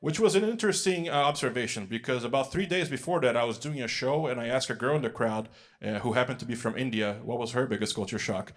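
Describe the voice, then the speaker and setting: A young man from the United States talks fast with few pauses, his pitch medium, during a stand-up performance in a large music hall. He tells stories in a loose, chatty way, using filler words and acting out quotes.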